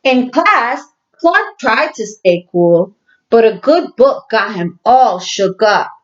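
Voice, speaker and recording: A woman teacher reading a children's storybook aloud, slow and expressive. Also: a little high, dull audio.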